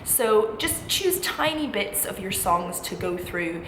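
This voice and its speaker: Her medium-pitched voice moves slowly with big pitch swings. A music college postgraduate singing student in her twenties, she vlogs to camera, giving reassuring, encouraging advice in a chatty, informal style; the echoey room carries clear background noise.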